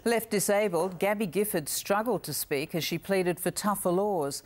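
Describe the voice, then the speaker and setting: A woman's voice: medium pitch, normal speed. A woman with an Australian accent reading scripted television news as an anchor.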